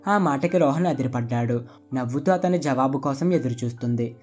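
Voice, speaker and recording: Steady storybook narrator over soft music. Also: medium pitch, fairly quick. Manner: steady read-aloud delivery.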